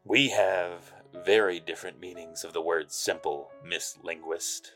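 Casting: wisecracking, world-weary gumshoe for noir audio drama, deep and unhurried. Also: male voice, steady tone, a bit bright, faint music behind. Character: brooding, wisecracking hardboiled private eye.

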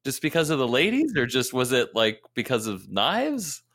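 A man's voice: mid-range voice, huge pitch swings, moderate pace, fairly bright tone. A man hosting a casual podcast interview, joking and asking playful questions.

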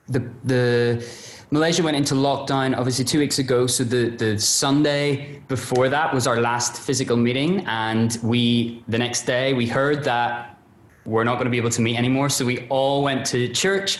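A man speaking as a podcast guest over a video call, giving a casual conversational account. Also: medium pitch. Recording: echoey online call.

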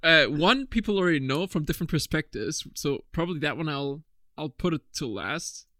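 A man's voice: fairly high pitch, expressive, fairly quick, pushed and bright, dry recording. A man in his twenties hosting a casual podcast chat, rambling and laughing often. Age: 20s. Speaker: podcast host.

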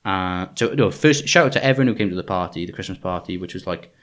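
A man's voice: low-pitched, expressive, quick pace, fairly bright tone. A man hosting a podcast in casual chat, rambling with many fillers and restarts. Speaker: podcast host.

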